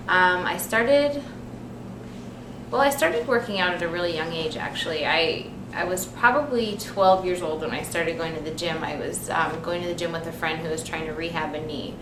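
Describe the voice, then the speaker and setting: A young woman talks about herself in a relaxed, chatty way, her voice sitting fairly low. She is recorded from a distance in an echoey room with clear background noise. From United States. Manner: relaxed and chatty, many ums. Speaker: interviewee, nurse and figure athlete. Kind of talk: casual self-introduction. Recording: echoey room, mic from far off, noisy.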